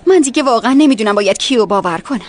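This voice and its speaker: A woman voicing a sharp-tongued, hurt young heroine in a dubbed TV drama, speaking with sarcasm. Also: fairly high pitch, animated. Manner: sarcastic, biting.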